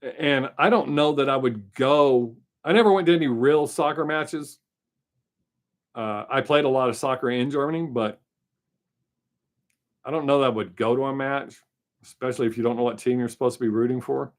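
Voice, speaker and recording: A man's voice: medium pitch, normal speed. A middle-aged American man with a Southern drawl, hosting a casual live stream and rambling frankly through viewer questions with some swearing. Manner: rambling, chatty, frank and profane. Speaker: livestream host answering chat.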